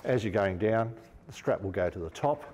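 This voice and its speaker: Talking while he works, this outdoor gear store presenter, an Australian in his fifties, casually demos gear in a big indoor showroom. He speaks on the low side with a mellow tone, lively intonation and moderate pace, in a big-room sound with slight background noise.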